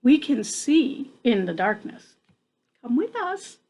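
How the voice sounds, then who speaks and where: Woman as a gentle, slow-talking mother bat. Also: a little high, big pitch swings, exaggerated voice. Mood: calm, encouraging.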